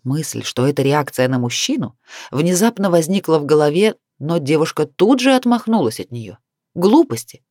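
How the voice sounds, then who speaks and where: Steady audiobook narrator, dry sound. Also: mid-range voice, no room sound.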